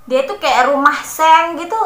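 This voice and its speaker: A woman's voice: high voice, normal speed. A young woman from Lombok, Indonesia, casually telling a story to her vlog audience and acting out the voices of the people in it. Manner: animated, acts out quoted voices. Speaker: vlogger. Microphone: phone camera. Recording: echoey room.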